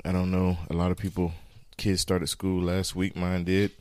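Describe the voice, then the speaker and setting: Deep-voiced man chatting casually in a kitchen. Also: completely flat delivery, normal speed, a little mellow, clear, resonant tone, no echo, studio quality. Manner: rambling, conversational, informal. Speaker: podcast host. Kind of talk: casual solo morning podcast chat. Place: home kitchen while frying eggs. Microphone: handheld microphone.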